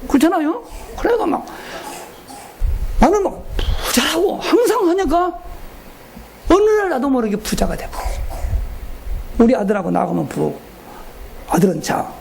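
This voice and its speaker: A man's voice: very high voice, very animated, normal speed, vocal fry, long pauses, darkish tone, a little hiss or hum. A middle-aged male pastor giving a folksy, joking retreat sermon and asking the congregation questions.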